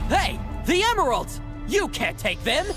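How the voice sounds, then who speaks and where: A man's voice: very high voice, huge pitch swings, a little slow, full character voice. A man voicing a cocky, brash young hedgehog hero in a video game cutscene, casual and slangy. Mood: indignant. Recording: music under the dialogue.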